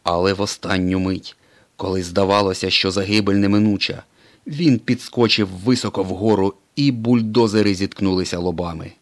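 Gravelly low-voiced male storyteller. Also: normal speed. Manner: expressive, dramatic storytelling. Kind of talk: storybook narration.

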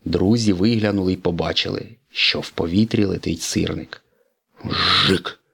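A man narrating a children's storybook in an expressive read-aloud manner. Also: sits low, normal speed, gravelly, husky.

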